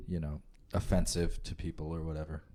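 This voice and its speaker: A man's voice: a bass voice, little pitch movement, fairly quick, mellow. A man hosting a casual quiz podcast, reading questions aloud and stumbling over some words. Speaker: quiz host.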